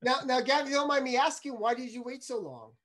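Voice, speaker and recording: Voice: sits high, fast talker, a bit bright. An interviewer in a casual chat who asks curious follow-up questions and encourages the guest.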